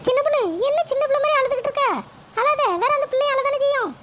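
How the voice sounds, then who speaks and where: Squeaky young daughter-in-law, as a woman puts her on. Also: flat delivery, racing, noisy background. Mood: shrill chatter. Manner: high squeaky put-on voice. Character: shrill young daughter-in-law, obliging and chatty.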